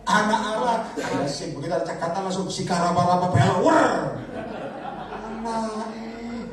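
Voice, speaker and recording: A man preaching a lively sermon, joking the congregation and acting out the voices of the people in his stories. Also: high voice, normal speed. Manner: animated, jokes and asks the crowd to raise hands; acts out voices of disciples and believers. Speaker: evangelist preacher. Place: church or prayer meeting hall. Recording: echoey hall, recorded from far off.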